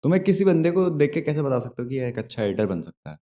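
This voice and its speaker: A man hosting a podcast in relaxed, chummy chat, firing back short reactions and easy questions. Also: medium pitch, fast talker. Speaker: podcast host.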